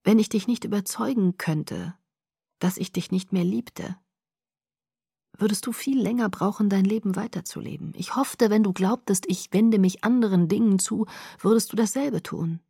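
A woman voicing a brooding, remorseful young male vampire in an audiobook, speaking softly and often in a whisper. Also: medium pitch, moderate pace, gravelly, husky, no room sound, clean studio sound. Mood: hushed remorse. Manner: soft, often whispered, pleading. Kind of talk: audiobook reading.

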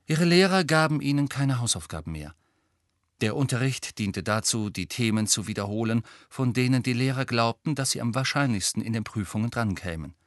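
A man reading a novel aloud as an audiobook narrator in a measured storytelling manner. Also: mid-range voice, expressive, dry recording, studio quality. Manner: measured storytelling with character voices. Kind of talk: scripted narration.

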